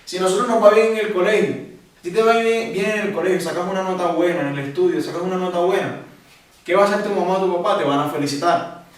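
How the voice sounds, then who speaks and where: A man from Ecuador teaching a catechism lesson to young people, lively and asking questions that he answers himself. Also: high voice, quick pace. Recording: echoey room, voice from a distance.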